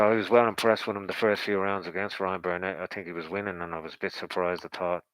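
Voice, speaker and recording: A man with a low, smooth voice talks through boxing in a casual commentary style. His delivery stays fairly flat and conversational as he thinks aloud and speculates in a rambling way. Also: no echo, poor audio.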